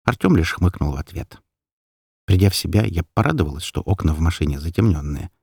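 Male audiobook narrator, low pitch with animated melody, raspy texture. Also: fairly quick, no room sound, clean studio sound. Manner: expressive, lively storytelling. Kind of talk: scripted first-person narration.

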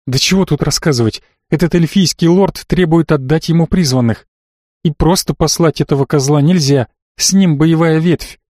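A sharp-tongued young sorceress, read by a man in an audiobook, speaking in short, snappish bursts. The voice sits a touch high and is heard close, with a dry sound. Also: normal speed, dry recording, lightly acted. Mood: furious. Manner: snappish, curt. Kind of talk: audiobook narration.

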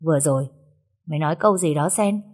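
Woman voicing a grumpy young master, gruff, scolding, storybook. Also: sits low, quick pace, a little mellow. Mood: curt.

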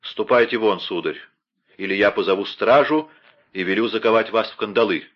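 A man's voice: lowish voice, normal speed, dull audio, close to an everyday voice. A man voicing a haughty proud duke. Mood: haughty, indignant. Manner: haughty, exclaiming. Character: proud haughty male duke, imperious and alarmed.

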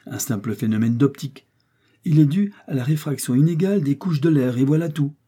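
Man doing a calm learned doctor. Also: mid-range voice, fairly quick, breathy edge, pitched above the performer's own voice. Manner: composed, explanatory. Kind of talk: audiobook character voice.

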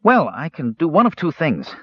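A man's voice: a little high, huge pitch swings, moderate pace, husky, dry recording, muffled recording, pitched above the performer's own voice, exaggerated voice. A man voicing a cheerful, chatty young male kender who talks eagerly and a little self-importantly.

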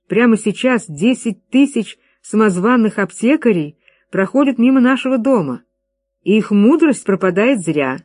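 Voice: medium pitch, darkish tone, no echo. A reader voicing an eager young son making a persuasive case to his father.

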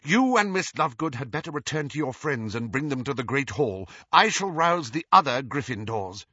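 A man's voice: medium pitch, big pitch swings, normal speed, sharp tone, breathy edge, dry recording, lo-fi sound, exaggerated voice. A man voicing a stern elderly woman teacher in an audiobook, clipped and authoritative.

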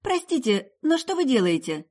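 A woman reader voicing a polite, calm young woman who mends souls, speaking in a gently teasing, courteous way. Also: high voice, normal speed, voice pushed up.

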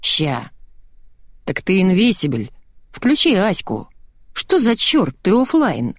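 A woman voicing a brusque, suspicious young man in a chat, with a lowered voice. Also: huge pitch swings, slow pace, no echo, studio quality, exaggerated voice.

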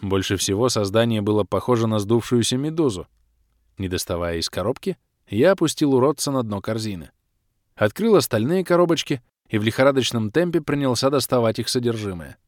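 A man narrating a first-person fantasy audiobook with wry, lively storytelling. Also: medium pitch, brisk, no room sound, studio quality.

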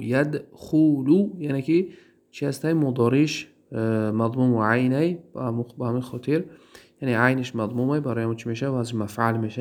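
A man with a Tajik accent teaching a grammar lesson. He drawls out word forms, asks questions and answers them himself, and pauses on fillers. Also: mid-range voice, darkish tone. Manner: drawls out word forms, repeats them slowly, then translates. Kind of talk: classroom lesson.

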